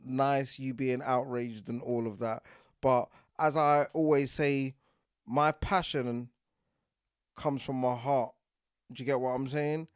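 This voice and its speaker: A man's voice: on the high side, no room sound. Insistent man, dry close sound. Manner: animated and insistent, keeps asking "do you get what I'm saying". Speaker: podcast host. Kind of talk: impassioned podcast monologue.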